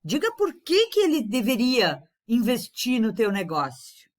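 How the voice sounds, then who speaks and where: A woman teaching a class in an unhurried lecture, with many fillers and repeated words. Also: on the high side, huge pitch swings.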